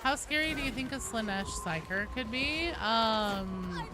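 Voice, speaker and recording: A woman with a slightly high, expressive voice streams games at a measured pace, chatting casually with viewers. She's informal and sweary, reading and answering their comments as she plays, over music in a low-quality recording with faint background noise.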